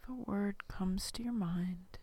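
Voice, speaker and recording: Whisper-voiced woman meditation guide, unhurried and breathy, close and dry. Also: mid-range voice, no echo. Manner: soft unvoiced whisper throughout; calm, slow instructions with long pauses. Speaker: relaxation guide.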